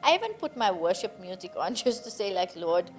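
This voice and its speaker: A woman's voice: mid-range voice, big pitch swings, a little fast, soft background music. A woman co-hosting a casual podcast chat, a mother who talks animatedly and laughs often while telling stories. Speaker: podcast co-host.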